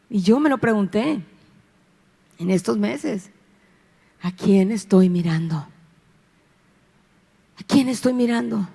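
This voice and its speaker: Lady pastor preaching, high voice, lots of echo in the church, keeps repeating herself. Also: vocal fry. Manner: impassioned, repetitive, rhetorical questions. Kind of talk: preaching a sermon. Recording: long reverb of a church hall.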